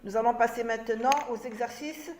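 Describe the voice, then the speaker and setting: A woman's voice: a little high, brisk, darkish tone, slight background noise. A woman teacher giving a reading lesson to young children, sounding out syllables and words one by one in a patient, instructive way. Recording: roomy echo.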